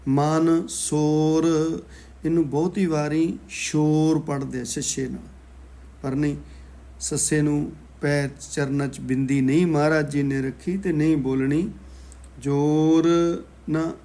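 A man teaching scripture recitation line by line, slowly spelling out letters and syllables with a Punjabi accent. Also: a little high, steady tone, vocal fry, mellow.

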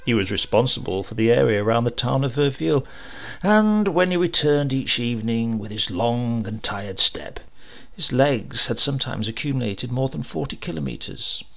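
In a measured, expressive storytelling style, this audiobook narrator reads a literary short story aloud. He's a man whose mid-range voice has a gravelly texture.

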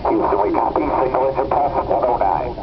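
A man's voice: medium pitch, a little fast. Man on crackly space radio. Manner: clipped, reads back calls. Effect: crackly space-to-ground radio. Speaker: shuttle crew member. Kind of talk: terse radio callouts. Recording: muffled, hissing radio link.

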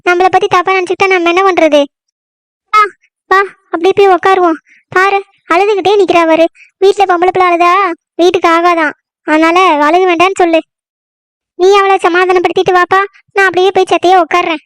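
A woman's voice: extremely high pitch, little pitch movement, a little fast, long pauses, fairly bright tone, no room sound, clean studio sound. A woman voicing a scheming village mother-in-law in a cartoon, who talks meek and soothing but makes sly asides. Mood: falsely meek. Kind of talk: cartoon comedy voice acting.

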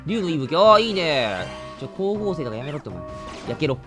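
Kansai-accented male game streamer, wildly animated pitch, joking mock outrage. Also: brisk, music in the background. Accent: Kansai Japanese. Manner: joking, exaggerated indignation, lively reactions. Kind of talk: let's play commentary.

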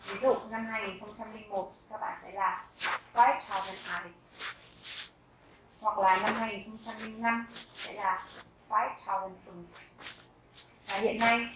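A woman in her thirties giving a language lesson, repeating each example phrase slowly and deliberately. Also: medium pitch, steady tone, far from the mic, background noise. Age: 30s. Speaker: German teacher. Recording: very echoey room.

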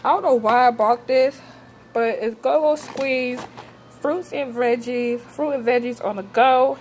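A woman's voice: a little high, steady tone, unhurried, darkish tone, a little hiss or hum. Chatty young woman listing groceries at home. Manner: casual, chatty, addresses viewers as y'all, lists items with many fillers. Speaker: vlogger showing a grocery haul. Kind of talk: casual grocery haul walkthrough. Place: home kitchen, indoors.

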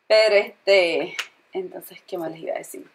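A young woman chatting casually through a storytime vlog, retelling things in an animated way with lots of fillers. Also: on the low side, unhurried, slight background noise. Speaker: vlogger.

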